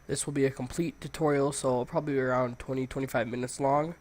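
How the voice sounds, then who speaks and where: Male tutorial host, mid-pitched, congested with a cold, loose and informal delivery. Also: steady tone, fast, darkish tone. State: congested, stuffy nose from a cold. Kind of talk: casual software tutorial, screen walkthrough.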